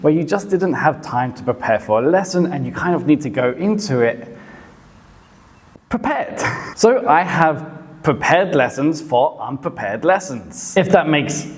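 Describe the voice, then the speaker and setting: A man who teaches English, casually explaining teaching tips in a relaxed, conversational way with frequent hedges. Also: fairly high pitch, measured pace. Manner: relaxed and conversational, often hedging. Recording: long reverb, hall-like echo.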